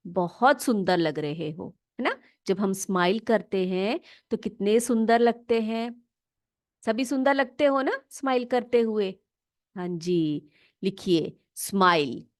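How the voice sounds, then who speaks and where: A woman teaching children English words in an online class, slowly spelling each word letter by letter and coaxing them with questions. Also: mid-range voice, expressive, no room sound, studio quality. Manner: patient, coaxing, asks questions.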